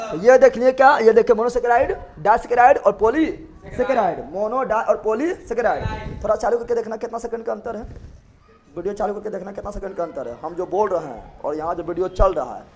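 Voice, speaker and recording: A man's voice: high-pitched, darkish tone, echoey room. A male teacher, leading a classroom lecture with call-and-response drills and teasing his students. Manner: repeats questions rapidly, teasing and joking with students. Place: classroom with students, streamed live online.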